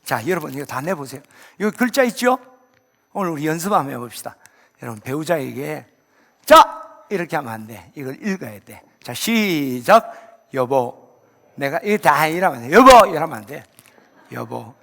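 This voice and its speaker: A man preaching a sermon as pastor, lively, breaking into loud exclamations and acted-out quotes. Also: fairly high pitch, moderate pace, in a large hall. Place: church sanctuary.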